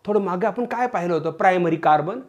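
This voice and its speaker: A male teacher giving a chemistry lecture to students. He drills them in a loud voice and chants the names of compounds in a sing-song way. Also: sits high, fast, dull audio.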